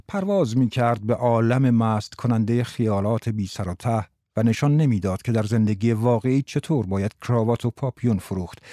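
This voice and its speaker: A man reading a novel aloud as narrator at a measured, even storytelling pace. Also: medium pitch, no echo, studio quality. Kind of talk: audiobook narration.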